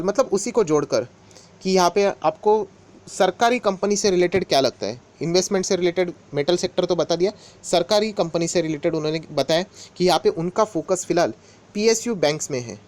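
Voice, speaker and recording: A man's voice: high voice, fairly quick. A man explaining stock market news to his viewers in a casual, conversational way. He talks to them directly as friends and keeps repeating the same filler phrases. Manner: conversational, mixes English words into Hindi, repeats filler phrases.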